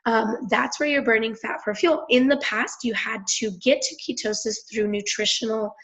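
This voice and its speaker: A young woman with a hoarse, raspy voice, chatting enthusiastically with lots of fillers as she hosts a conference call. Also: on the high side, fairly even intonation, normal speed, a bit bright. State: hoarse, clearing throat. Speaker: independent promoter hosting a conference call. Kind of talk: casual phone-call presentation. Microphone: phone or conference line. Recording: dull lo-fi conference call audio.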